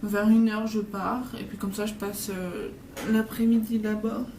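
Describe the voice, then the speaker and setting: A woman's voice: mid-range voice, flat delivery, unhurried, mellow. A woman in her twenties chatting casually in a travel vlog from a hotel room, rambling with many fillers and restarts. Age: 20s. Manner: rambling, filler-heavy, self-correcting. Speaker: vlogger. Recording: roomy, distant, noisy.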